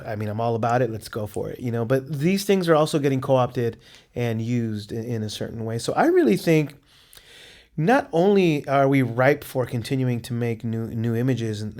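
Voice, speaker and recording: A man answering interview questions in a casual, enthusiastic, animated way. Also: medium pitch. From United States. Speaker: artist guest.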